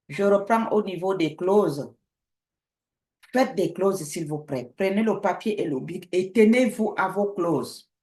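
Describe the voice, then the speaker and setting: A woman pastor preaching a sermon, telling a testimony with lively storytelling and acting out both sides of a conversation. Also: medium pitch. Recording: echoey room.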